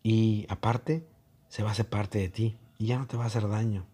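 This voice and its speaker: A man's voice: on the low side, steady tone, normal speed, mellow, breathy edge. A man giving a reflective monologue, mocking and acting out both sides of online arguments.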